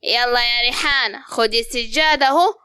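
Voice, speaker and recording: Bossy upper egyptian mother-in-law, bright high voice, always barking orders, a woman acting her. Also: fairly quick, smooth, dry recording, clean studio sound. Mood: scolding. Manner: scolding, commanding.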